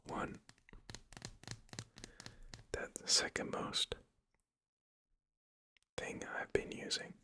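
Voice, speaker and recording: An ASMR creator whispers very close to the ear, never fully voicing the words. The delivery is slow and bright, drifting along in a hesitant, informal ramble. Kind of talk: whispered ASMR ramble about drawing tools. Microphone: close ear-to-ear microphone.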